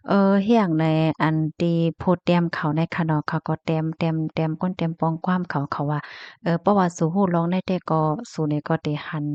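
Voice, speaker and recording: A woman chatting casually as she reads out news and viewer comments, full of fillers and soft laughs. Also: sits low, no echo. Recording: dull, slightly muffled dry recording.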